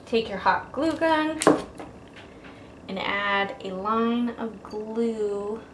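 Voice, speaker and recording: A woman with a fairly high voice hosts a craft tutorial, talking viewers through each step extremely slowly. She keeps it casual and informal, calling her audience "guys," in an echoey room with faint background noise.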